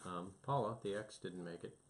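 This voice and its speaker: A man's voice: low voice, normal speed. Easygoing middle-aged male co-host. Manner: easygoing, reads shout-outs, laughs often. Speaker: podcast co-host. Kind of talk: casual chat.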